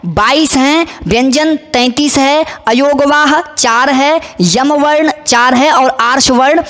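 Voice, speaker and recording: Female teacher, methodical explainer, lists items aloud, slightly high voice, reverberant room. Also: slow, fairly bright tone. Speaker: Sanskrit teacher. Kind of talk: explanatory lesson.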